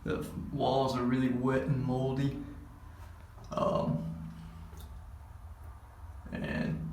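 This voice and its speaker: A man's voice: medium pitch, vocal fry, warm tone. A man giving a casual, hesitant walk-through narration as a vlogger, thinking aloud inside a small concrete underground space. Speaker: vlogger showing a place. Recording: echoey underground room, noticeable background noise.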